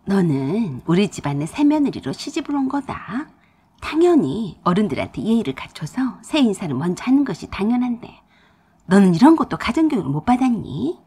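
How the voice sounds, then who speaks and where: A domineering older mother-in-law scolds her daughter-in-law in a harsh, lecturing tone, voiced by a woman reading the story aloud. The voice is a little breathy and rises and falls widely. It is a storybook figure, not a real person. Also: medium pitch, sing-song, fairly quick, dark tone. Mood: scolding.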